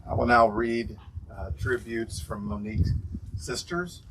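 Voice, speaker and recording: A man officiating at a funeral, speaking in a solemn, measured and earnest way, as in a eulogy. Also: medium pitch, steady tone, fairly bright tone. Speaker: officiant leading a funeral service. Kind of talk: solemn eulogy-style address. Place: graveside service. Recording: distant microphone, faint background noise.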